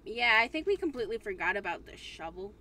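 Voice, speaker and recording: Bright-voiced young woman gaming. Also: big pitch swings, fast. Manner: chatty, playful, breaks into random squeaky voices. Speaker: gaming channel host. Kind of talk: casual gameplay chat.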